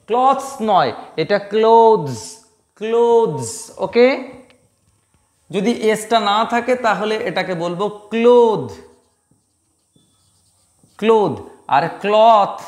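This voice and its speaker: A man's voice: high voice, reverberant. A man from Bengal teaching English pronunciation, repeating each word emphatically to drill it. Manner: emphatic, repeats words slowly to drill them. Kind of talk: pronunciation lesson.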